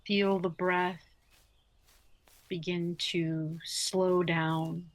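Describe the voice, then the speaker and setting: A yoga nidra guide leads a guided relaxation, soothing and unhurried, leaving long pauses between short, gentle instructions. Her slightly low voice has very little rise and fall, staying level and very slow throughout. The recording is low quality.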